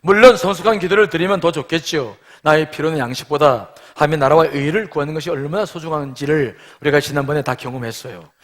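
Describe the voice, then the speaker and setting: A man's voice: fairly high pitch, fast talker, few pauses, a bit bright. A middle-aged male pastor giving a sermon in a conversational style that swells into emphatic passages.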